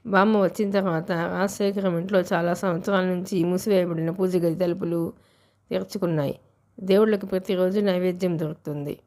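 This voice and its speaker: A woman's voice: fairly low pitch, steady tone, brisk, darkish tone. A woman narrating a novel as an audiobook reader, telling the story steadily.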